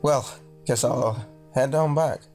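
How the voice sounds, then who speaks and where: Speaking slowly in a medium-pitched, darkish voice, a man reads visual novel narration with drama for a let's play. He adds casual, jokey asides, and game music can be heard behind him.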